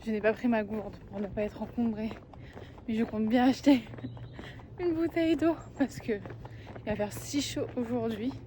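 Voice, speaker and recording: A woman's voice: on the high side, dark tone. A young woman vlogging casually on her phone while out in the city, chatty and confiding. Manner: chatty, confiding, sometimes whispering. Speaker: fitness vlogger. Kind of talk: casual vlog chat. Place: out and about in the city, street and transit. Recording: phone audio with street noise.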